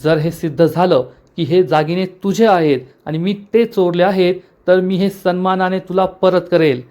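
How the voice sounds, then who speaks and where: Man playing a scheming village mother, proud, quarrelsome, theatrical, slightly high voice. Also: fairly even intonation, moderate pace, a little mellow, natural voice. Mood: defiant. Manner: scolding, theatrical, pleading.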